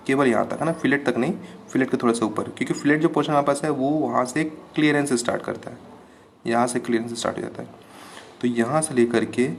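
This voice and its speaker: A man teaching an engineering class, explaining each term slowly and checking over and over that students follow. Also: mid-range voice, a little hiss or hum. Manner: patient, repeats terms with "ठीक है, clear है" checks. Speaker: engineering lecturer. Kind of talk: classroom lecture.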